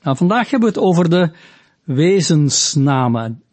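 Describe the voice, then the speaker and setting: A man preaching a teaching sermon, slow and deliberate, voicing quoted lines with rising emphasis. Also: on the high side, sing-song, a little mellow.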